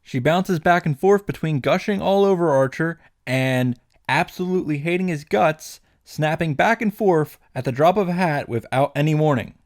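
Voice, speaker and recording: Hosting a sarcastic recap of a visual novel, this man speaks in a slightly high voice at normal speed. He's wry and irreverent, tossing in joking asides and swearing for comic effect. The studio sound is clean with no room sound.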